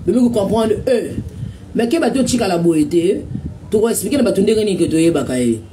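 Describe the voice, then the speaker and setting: A man's voice: sits high, expressive, moderate pace, dark tone. A man with a Congolese accent, hosting a radio show in a rambling, repetitive monologue full of filler sounds. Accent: Congolese (Brazzaville). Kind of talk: casual commentary monologue. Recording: distant mic with a noisy background.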